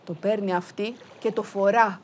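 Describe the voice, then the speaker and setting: A woman telling a folk tale aloud in a lively, rhythmic, playful way. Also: medium pitch, slightly rough. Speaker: storyteller. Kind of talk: oral folk-tale narration.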